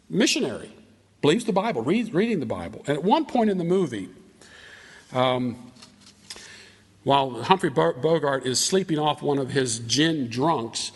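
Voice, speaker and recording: A man teaching a Bible study, retelling an old film at length with frequent restarts. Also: mid-range voice. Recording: reverberant hall.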